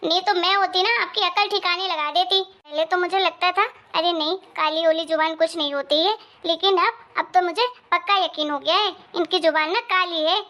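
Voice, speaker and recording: A sharp-tongued young married daughter scolds and complains at length, played by a woman. Her voice sits very high and sounds bright and forceful. It is a cartoon moral story. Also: steady tone, moderate pace, few pauses, lo-fi sound. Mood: scolding. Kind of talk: Hindi moral story voice acting.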